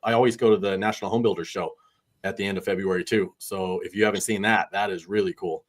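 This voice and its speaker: A man's voice: sits low, fairly even intonation, fast. A man hosting a podcast in casual chat, upbeat, laughing often and using many fillers. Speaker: podcast host.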